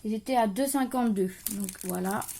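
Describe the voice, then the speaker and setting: At a craft table in her home, on a creaky chair, a young woman talks to camera about her craft haul, thinking aloud while unpacking and occasionally trailing off. Her medium-pitched, dark voice moves a little fast, carrying a light regional French-speaking accent.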